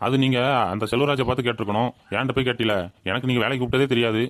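Playing a crafty farmhand in a village comedy skit, a man argues and schemes at a rapid, cheeky clip, faking his anger. His medium-pitched, steady voice is close to everyday speech, with no echo.

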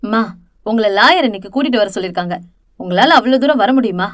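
A caring young man asks gentle, worried questions, voiced by a woman reading an audio novel. His lines come quickly and softly, pitched a little under hers. The recording is dry and close. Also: expressive, dry recording, natural voice. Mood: concerned. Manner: gentle, concerned.

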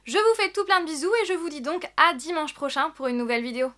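A young woman vlogger chatting excitably through an unboxing. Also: high voice, fast. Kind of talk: casual unboxing chat.

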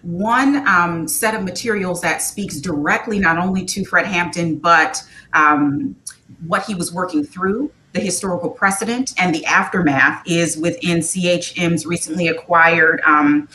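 An American woman with a bright, lower-pitched voice speaks unhurriedly as a panelist on museum community engagement, giving panel discussion remarks. She's on a video call from a small furnished room at home, and the rough recording carries clear noise and a low rumble.

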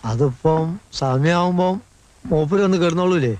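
A man's voice: fairly high pitch, unhurried, darkish tone, dry recording, natural voice. A nervous, gossiping house servant, played by an actor, who talks in a raised, dry voice and frets about danger. He fusses constantly in comic film dialogue. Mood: fussing. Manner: nervous, fussing and warning.

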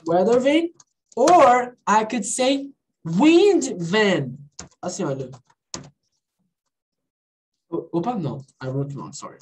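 A woman's voice: mid-range voice, darkish tone. Woman, Brazilian accent, English teacher, patient explaining, keeps checking in with students. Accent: Brazilian Portuguese. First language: Portuguese. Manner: mixes English and Portuguese, repeats checks like "alright?" and "ok?". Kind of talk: online class explanation.

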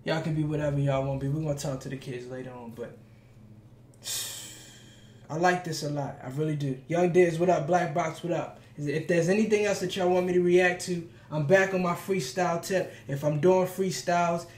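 A man hosting a reaction video, talking casually while standing, hyped and full of shout-outs. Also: on the high side, steady tone, moderate pace. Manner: talks standing up. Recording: echoey room with music playing.

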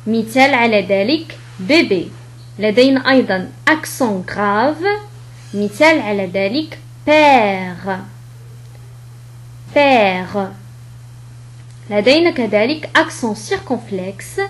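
A woman leads a French pronunciation lesson, explaining the rules for letters and saying each example word slowly. Her voice is on the high side and animated.

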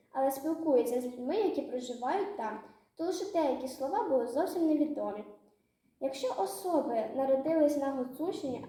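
Brief: female student presenter, high mellow voice, careful prepared read, heavy room echo. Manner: measured, careful reading with listed examples. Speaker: student presenter of a research project. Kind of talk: reading a prepared research report. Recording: very echoey room.

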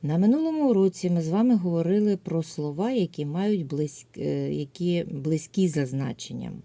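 A woman teacher with a Ukrainian accent giving a video lesson to young pupils, dictating slowly and clearly. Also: sits low, animated, warm tone, no room sound. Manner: slow, clear dictation with drawn-out words. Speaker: primary school teacher.

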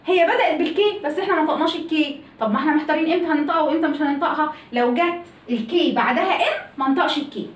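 A high, quick-talking woman with an Egyptian Arabic accent runs a pronunciation lesson. She keeps firing questions at her class and answering them herself. The sound is roomy and echoey, as if the mic sits some distance away. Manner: animated, asks and answers her own questions. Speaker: English pronunciation teacher. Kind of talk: lively video lesson.

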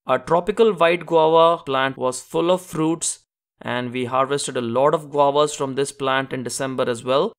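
The host of a home gardening show narrates an instructional tour, enthusiastic and explanatory throughout. His male voice is a little high and a bit bright.

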